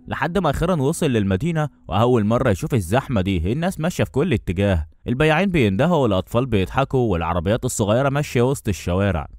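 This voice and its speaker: Rapid-fire Egyptian male story narrator. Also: medium pitch, a little mellow. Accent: Egyptian Arabic. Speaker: anime recap narrator. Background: faint background music.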